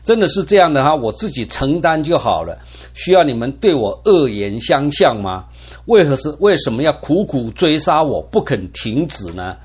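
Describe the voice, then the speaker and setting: A man's voice: on the high side, very animated, moderate pace, husky, lo-fi sound. A man reading the lines of an anguished, suffering old man who pleads with God and laments that he is being wronged. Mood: anguished pleading.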